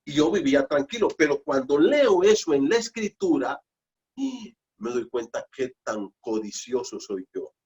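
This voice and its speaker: A man's voice: mid-range voice, big pitch swings, measured pace, darkish tone, muffled recording, a little hiss or hum. A man preaching a Bible study sermon, emphatic, repeating phrases and asking rhetorical questions. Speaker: pastor.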